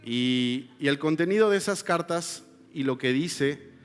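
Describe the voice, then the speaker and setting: A man delivers an emotional sermon from a church stage. His voice sits a little high, rising loud in appeals and falling to a hushed confessional tone. A long hall reverb trails behind every phrase. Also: lively intonation, measured pace, clean tone. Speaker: pastor.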